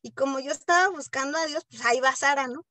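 Bright-voiced woman telling a faith story. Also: sits high, quick pace, no room sound. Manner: animated storytelling, addresses listeners as brothers. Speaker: group member sharing a testimony. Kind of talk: personal testimony to a Bible study group.

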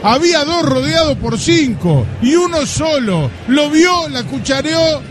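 A Uruguayan man analyses a football match on live radio in a very high, strained-up pitch. He is emphatic and repeats his phrases for effect. A crowd and clear noise sit behind him. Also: sing-song, a little slow. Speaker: football pundit. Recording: noisy radio broadcast with stadium crowd.

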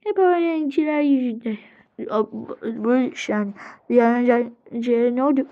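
A woman's voice: fairly high pitch, measured pace, dull audio. A woman narrating a playful toy story, rambling in slangy everyday talk. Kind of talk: toy play storytelling with voices.

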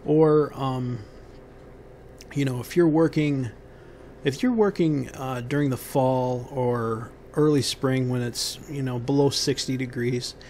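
A man giving unscripted how-to instructions on a building site outdoors, pausing often with ums and restarting his sentences. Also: medium pitch, mellow, slight background noise. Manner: halting, many ums and restarts.

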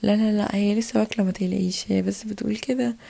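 Sensible Egyptian older-sister girl, brisk, woman voicing. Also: medium pitch, fairly even intonation, gravelly, warm tone, no room sound. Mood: calm. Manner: reassuring, matter-of-fact. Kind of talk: toy play voice acting.

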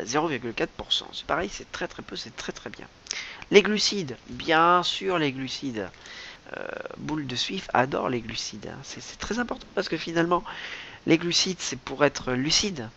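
A man's voice: mid-range voice, expressive, measured pace, vocal fry, sharp tone. A man rambling through a mock-serious improvised comedy monologue, stammering and repeating himself, recorded lo-fi with faint hiss. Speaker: comic vlogger.

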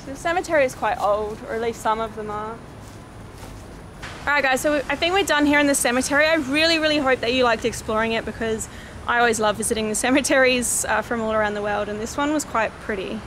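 A woman's voice: a little high, fast talker, fairly bright tone. A young woman hosting a paranormal vlog, chatting casually as she walks through a cemetery at night and reads names off the headstones. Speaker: paranormal vlogger host. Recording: noisy outdoor night recording.

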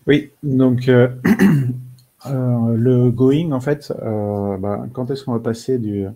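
A man presenting in an online webinar, pausing often with fillers and restarts as he explains. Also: medium pitch, steady tone, dark tone. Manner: halting, many fillers and restarts. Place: webinar call.

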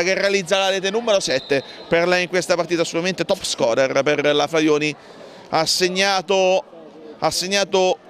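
A man giving excitable live handball commentary, calling out names and plays in bursts. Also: sits high, slight background noise. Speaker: sports commentator.

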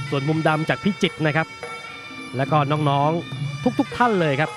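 Male ringside commentator and announcer, high voice, live boxing broadcast, loud music underneath.

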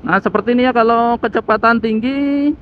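A man's voice: extremely high pitch, a little fast. A man chatting casually as he rides a motorbike through city traffic, recorded on a phone with a headset mic. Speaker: motovlogger. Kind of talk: casual motovlog commentary while riding. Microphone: phone with a homemade headset mic. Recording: tinny phone-like audio with faint road noise. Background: traffic and engine noise.

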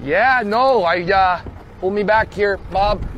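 A man's voice: high-pitched, slow pace, highs cut off, noisy background. Folksy man on a boat. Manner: folksy, easygoing chatter with "eh". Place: outdoors on a boat.

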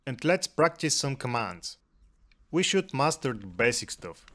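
A man giving calm voice-over narration for a walk with his cat, with a dry, gently humorous manner. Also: mid-range voice, unhurried. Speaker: cat vlogger narrating a hike.

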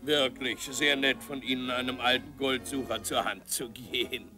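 A man's voice: mid-range voice, steady tone, normal speed, close to an everyday voice. A man voicing a polite, humble old gold prospector in a dubbed cartoon. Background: music.

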